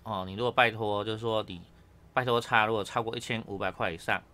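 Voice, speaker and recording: A man's voice: lowish voice, fairly even intonation, fast talker, bright, forceful tone. A man teaching Japanese grammar one-on-one, casually checking understanding with tag questions.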